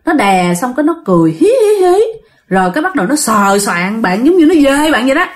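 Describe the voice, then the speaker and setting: Talking a little fast in a high, very animated voice, a woman spins a casual ghost story. Her chatty narration is aimed straight at the people listening.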